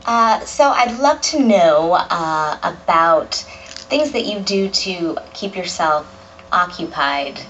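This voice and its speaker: A woman's voice: on the low side, expressive, takes it slowly, a bit bright. A woman interviewing a guest and asking supportive questions with some hesitation. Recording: dull lo-fi, noisy with clicks.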